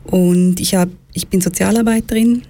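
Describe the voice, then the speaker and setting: Husky-voiced Swiss woman, calm. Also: medium pitch, normal speed. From Switzerland. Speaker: social worker and victim support counselor. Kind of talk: radio talk show guest.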